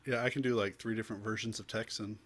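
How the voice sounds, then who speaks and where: A man's voice: fairly low pitch, steady tone, quick pace, fairly bright tone. A man hosting a casual chat, teasing his guest with jokes. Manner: joking, teasing. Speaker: podcast host.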